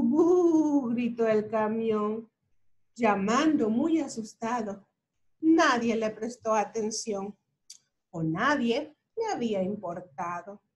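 A woman with a high voice reads a picture book aloud to little kids. She takes it slowly, pausing to point things out on the page. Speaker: Spanish teacher for young children. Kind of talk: children's story time read-aloud.

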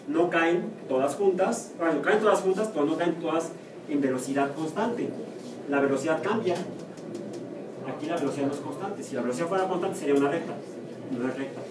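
A man with a Mexican Spanish accent, a university professor giving a classroom lecture, who puts questions to the class and answers them himself. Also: a little high. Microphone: room or camera mic from a distance. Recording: echoey classroom, far from the mic, noisy.

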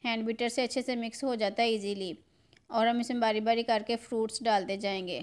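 Homely woman explaining a recipe, smooth voice. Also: fairly high pitch, fairly even intonation, a little fast. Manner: homely, step-by-step instructions addressed to viewers. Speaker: cooking channel host. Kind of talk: home cooking tutorial narration. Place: home kitchen.

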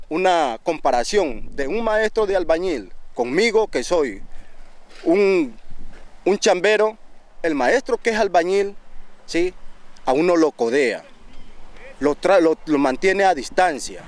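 A young man from Ecuador who works as a waste picker is interviewed for a documentary outdoors at a landfill, using a handheld mic. His voice sits high and is animated but a little slow, with long pauses, and he speaks earnestly and proudly, frequently repeating words and starting over.

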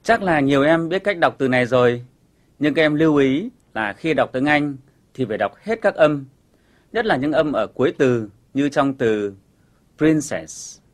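Patient male teacher for a kids' TV English lesson, steady mid-pitched voice, clear step-by-step delivery. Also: normal speed.

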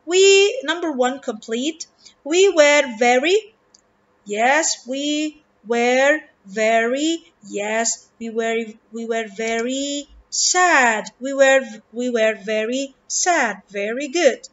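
A woman with an Arabic accent teaching an English reading lesson, speaking slowly and deliberately and stretching out words for her pupils. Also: high voice, muffled recording. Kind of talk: recorded online lesson.

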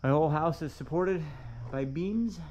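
A man's voice: fairly high pitch, normal speed, a little mellow, slight background noise, low-quality recording. Chatty man touring his basement. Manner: chatty, plainspoken, with frequent "uh" fillers. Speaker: woodworking channel host. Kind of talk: casual walkthrough vlog. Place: basement under a lifted house.

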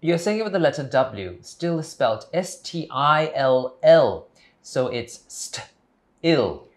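A man's voice: a little high, big pitch swings, a little slow. A man playing a polite, hesitant tutor from England in a comedy series, with formal, careful phrasing. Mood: patient. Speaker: English tutor. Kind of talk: scripted comedy series dialogue.

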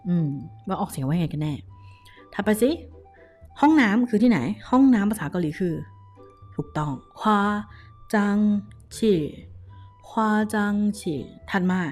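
A young woman with a Thai accent teaching a casual Korean lesson, lively and coaxing, drilling each word syllable by syllable. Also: medium pitch, measured pace, faint music behind.

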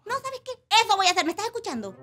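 A woman's voice: extremely high pitch, very animated, rapid-fire, a bit bright, faint music behind, exaggerated voice. An actress playing an exasperated young woman who scolds impatiently.

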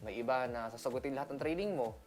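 A man's voice: mid-range voice, fast, darkish tone, faint music behind. A man from the Philippines, a seaman, talking casually in a chatty vlog, laughing often and mixing in English. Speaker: seaman vlogger.

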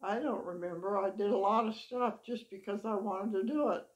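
A woman's voice: medium pitch, normal speed, poor audio. An elderly woman recalling her lifelong church involvement in a plain, matter-of-fact way, seated at home. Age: older. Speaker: interviewee, longtime church member. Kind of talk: reminiscing interview. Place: living room, seated in armchair. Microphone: lavalier mic.

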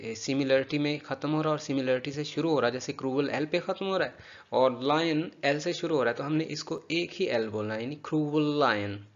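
A man teaching English pronunciation, patiently drilling words slowly and repeating them for a learner. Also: fairly high pitch, dull audio. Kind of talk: spoken language lesson.

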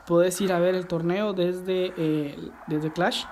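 A man hosting a live gameplay stream, chatting excitedly and reading viewer messages aloud. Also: high-pitched, slow, a little hiss or hum. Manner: excitable, reads viewer chat aloud, shouts at the game. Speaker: livestreaming gamer host. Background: game music.

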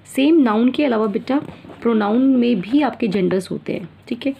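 A woman's voice: on the high side, normal speed, gravelly, warm tone, slight background noise. An Indian woman teaching an English grammar lesson to children, mixing Hindi and English and often checking that her pupils follow. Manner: mixes Hindi and English, calls pupils "beta", repeats and checks "theek hai na". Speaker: school teacher.

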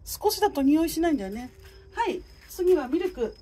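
A woman's voice: high-pitched, big pitch swings, fairly quick, dark tone. Woman coaxing a cat in a sing-song voice. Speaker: cat feeder filming a neighborhood cat. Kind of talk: casual talk to a cat while filming.

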